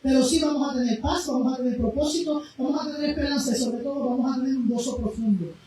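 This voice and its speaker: A woman preacher delivering an impassioned sermon, moving between loud, fervent cries and quiet, low passages, recorded from a distance in a church. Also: fast talker. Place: church sanctuary. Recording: very echoey room, voice from afar, faint noise.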